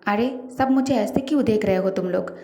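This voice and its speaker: A woman's voice: medium pitch, normal speed, warm tone, natural voice. A woman doing a dry, teasing young man. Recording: roomy echo.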